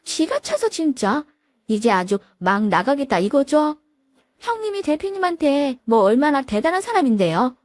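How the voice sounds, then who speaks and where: A woman voicing a spiteful young female lawyer who talks down to her sister-in-law with shrill scorn. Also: sing-song, normal speed, no room sound. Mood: sneering.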